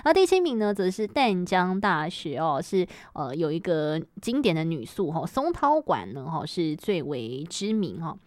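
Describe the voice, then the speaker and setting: Taiwanese accent woman radio host, kinda low voice, chatty, lots of little tag words, dry close sound. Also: sing-song, normal speed, few pauses, darkish tone, dry recording. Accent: Taiwanese Mandarin. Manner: frequent sentence-final particles and filler tags. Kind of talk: chatty radio programme presenting.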